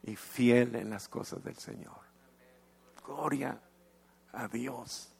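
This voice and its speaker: A male pastor preaching an evangelistic sermon, swinging from hushed to shouted and slipping in English phrases. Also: medium pitch, takes it slowly, creaky, breathy edge. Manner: mixes English phrases into his talk.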